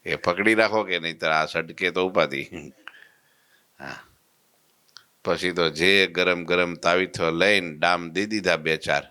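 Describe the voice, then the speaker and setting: Deep-voiced preacher. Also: male voice, unhurried, pauses often, clear, resonant tone. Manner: folksy, animated storytelling with acted voices. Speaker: preacher giving a religious discourse. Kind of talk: storytelling sermon.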